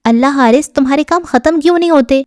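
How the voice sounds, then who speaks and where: A woman's voice: no room sound, clean studio sound, lightly acted. A woman reading an exasperated scolding young woman. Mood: annoyed, scolding. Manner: indignant, higher and louder than her narration. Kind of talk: audiobook character reading.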